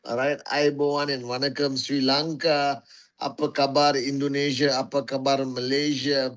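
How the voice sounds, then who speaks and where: A man's voice: mid-range voice, flat delivery, moderate pace, fairly bright tone, clean tone. A man hosting a casual livestream for his network marketing followers, greeting viewers one by one as warriors and repeating phrases for emphasis, on a phone mic.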